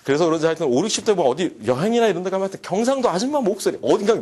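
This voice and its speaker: A man giving a humorous psychology lecture to a class, animated and joking, often acting out quoted dialogue. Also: high voice, rapid-fire. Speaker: university lecturer.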